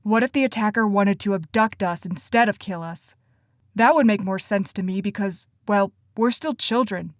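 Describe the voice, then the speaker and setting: A woman's voice: mid-range voice, no echo, clean studio sound, close to an everyday voice. Woman voicing an anxious teenage boy. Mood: eager. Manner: eager, talks in rushes.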